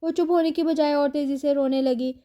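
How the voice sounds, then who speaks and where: A woman reading a romance novel aloud in a steady, even storytelling manner. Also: high voice. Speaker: narrator.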